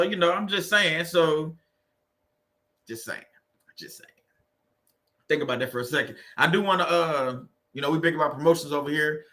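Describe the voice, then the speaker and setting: A Louisiana man with a Southern drawl hosts a relaxed livestream, greeting viewers one by one in a loose, teasing manner. His bright, forward voice sits a little higher than most men's as he chats casually.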